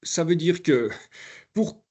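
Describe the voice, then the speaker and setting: A man giving a conversational conference lecture as a professor, halting often and restarting his sentences. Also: on the high side, expressive, darkish tone. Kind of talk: live lecture.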